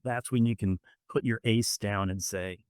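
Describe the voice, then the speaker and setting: A man's voice: lowish voice, fairly even intonation, moderate pace, no room sound. A man who is a podcast guest, explaining ideas earnestly through stories in a conversational interview, close to the mic. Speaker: guest speaker, debriefer of fieldworkers.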